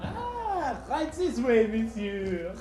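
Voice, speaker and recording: A smug, fawning waiter; unhurried delivery, roomy sound with music. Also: female voice, fairly high pitch, big pitch swings, exaggerated voice. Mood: sly. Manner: oily, giggly, ingratiating. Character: smug chatty hotel waiter. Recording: echoey room with music.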